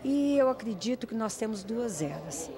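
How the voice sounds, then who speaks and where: A woman's voice: a little high, lively intonation, moderate pace. A woman in her sixties with a Brazilian accent explaining her work as a charity president in an interview. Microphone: handheld press microphones. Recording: busy crowd chatter behind.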